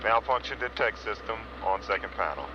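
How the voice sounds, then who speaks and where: A steady launch crewman reading clipped checklist callouts. His low voice comes through a muffled radio link, dull at the top, with steady noise beneath it. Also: brisk.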